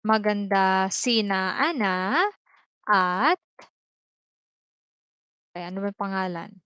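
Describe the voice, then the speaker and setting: A woman with a Filipino accent teaching a language lesson on a livestream, explaining slowly with many repeated examples and tag words. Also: medium pitch, lively intonation, sharp tone, smooth, no echo. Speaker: Tagalog teacher.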